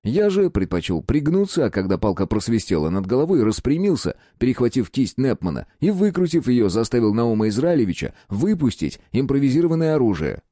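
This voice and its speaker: A man reading a first-person audiobook in an expressive, lively manner. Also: medium pitch, a little fast, few pauses, dry recording, studio quality. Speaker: audiobook narrator.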